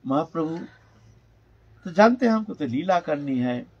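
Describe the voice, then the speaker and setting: Older male spiritual teacher, devotional storytelling discourse, raspy and slightly high-pitched, emphatic. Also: lively intonation, a little mellow, muffled recording. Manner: emphatic, drawn-out phrases, frequent "hain" tags.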